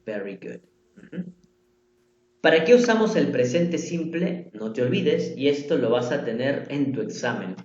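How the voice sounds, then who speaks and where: A man's voice: mid-range voice, big pitch swings, unhurried, darkish tone, slight background noise. A man teaching a live online language class, patiently repeating example phrases and putting questions to his students. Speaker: English teacher. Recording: echoey room, dull lo-fi sound.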